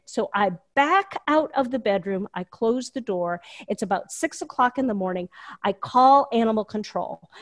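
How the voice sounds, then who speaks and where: Chatty woman telling a lively story. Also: high voice. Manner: animated, chatty storytelling with fillers. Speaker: guest storyteller. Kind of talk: casual personal story.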